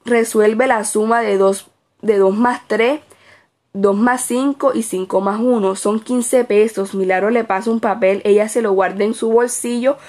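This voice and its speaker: A woman's voice: a little high, fairly even intonation, unhurried, a little mellow. A woman reading aloud her written observation report as a student observer, with small slips and self-corrections.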